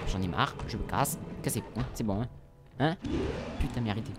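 A man's voice: fairly low pitch, a little fast, heavy background noise. A young man commentating his own gameplay, complaining and swearing in a theatrical, exasperated way. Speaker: gamer commentating his play. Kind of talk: let's play commentary. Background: game music.

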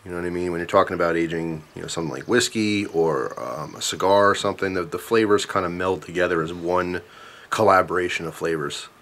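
A man in his thirties giving a casual, chatty product review in a halting, thoughtful way, pausing between short phrases. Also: sits low, fairly bright tone. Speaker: pipe tobacco reviewer.

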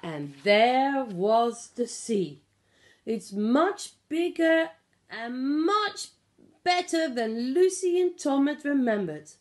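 A middle-aged woman with a higher-pitched voice reads a picture book slowly and expressively to small children, her intonation very varied. She explains things and asks them simple questions. She's in a small living room at home, recorded on a phone or tablet held about arm's length away.

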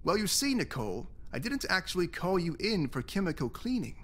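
A game's creepy photography teacher, all syrupy charm. His voice swoops up and down in a lively, sing-song way while staying smooth and ingratiating. Every friendly word sounds a little too pleased with itself. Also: high voice, fairly quick, heavily acted. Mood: falsely cheerful. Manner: smooth, falsely chipper, ingratiating. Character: creepy overly cheerful male photography teacher. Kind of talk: video game voice acting.

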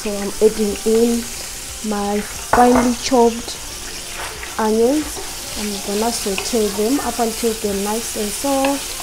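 Slow-talking woman over sizzling pan. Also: a little high, background noise. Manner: calm step-by-step explaining to viewers. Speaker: cooking vlogger. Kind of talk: casual cook-along narration. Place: home kitchen while cooking. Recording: loud frying sizzle behind voice.

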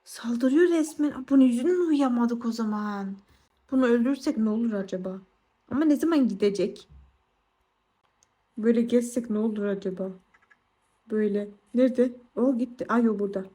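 Excitable high-voiced young woman gaming. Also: moderate pace. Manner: excitable, exclaims and squeals often. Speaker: gaming vlogger. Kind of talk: casual gameplay commentary.

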